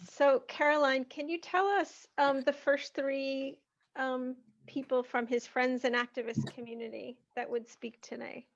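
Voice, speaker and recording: A woman gently moderating an online memorial, calmly calling on each speaker in turn. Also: high voice, unhurried, lo-fi sound. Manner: calm, gently guiding speakers. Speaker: memorial facilitator. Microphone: video call.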